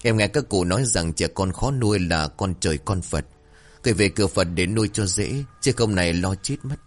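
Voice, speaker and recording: Earnest village uncle in a spoken folk tale, low advising voice, read by a male storyteller. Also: lively intonation, brisk. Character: concerned village uncle, neighbor.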